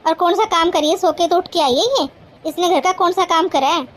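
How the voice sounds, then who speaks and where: A woman voicing a sharp-tongued elder daughter-in-law. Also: very high-pitched, brisk. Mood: defensive. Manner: scolding, lecturing. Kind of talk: cartoon voice acting.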